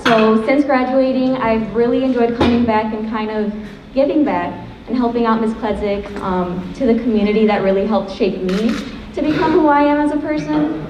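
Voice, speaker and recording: A woman's voice: on the high side, normal speed. A woman in her twenties, the assistant director, introduces student performers from a school stage in a polite, slightly nervous way. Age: 20s. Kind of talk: stage introduction to a live audience. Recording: dull echoey hall, far from mic, faint hiss.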